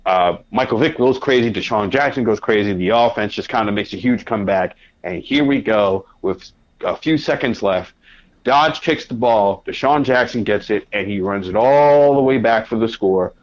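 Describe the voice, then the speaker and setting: A man, a podcast guest and sports writer, telling animated anecdotes in a conversational way. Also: lowish voice, normal speed, highs cut off. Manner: animated anecdotes, acts out his own past reactions. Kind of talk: conversational storytelling.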